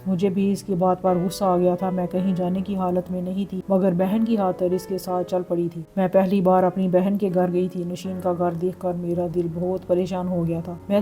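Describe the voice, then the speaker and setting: A woman narrating a first-person story with a steady, even reading. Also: fairly low pitch. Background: faint background music.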